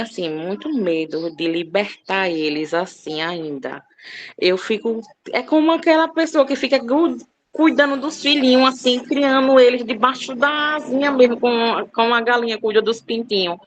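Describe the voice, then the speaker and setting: A woman's voice: a little high, normal speed. A woman in her thirties sharing a personal testimony in a class, hesitant and full of fillers, her voice rising with emotion. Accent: Brazilian Portuguese. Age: 30s. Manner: emotional, hesitant with many fillers, rising when she recalls scolding.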